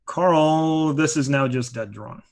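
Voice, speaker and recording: A man's voice: on the high side, slow pace. A man giving live chess commentary in a chatty way, explaining moves with many asides.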